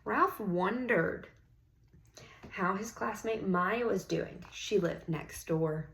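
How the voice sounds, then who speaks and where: A slow, gravelly, mid-range female voice comes through a rough recording as a teacher reads aloud to young children. Her picture-book reading is expressive, with key words drawn out, and she encourages the class through questions and praise.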